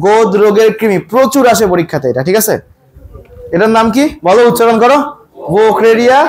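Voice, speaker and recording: A high-pitched man teaches biology to students preparing for an exam. He keeps testing them with questions he repeats, slowing down whenever he spells out scientific terms.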